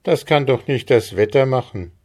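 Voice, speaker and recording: A man reading aloud, voicing a gentle, mysterious old village widow who speaks mildly and softly. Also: mid-range voice, normal speed, voice pushed up, natural voice. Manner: mild, secretive, soft-spoken.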